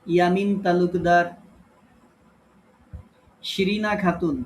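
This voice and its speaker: A man's voice: sits high, flat delivery, takes it slowly. A man teaching Quran recitation in an online class, with a Bangladeshi Bengali accent, calling on students one by one and patiently correcting their reading.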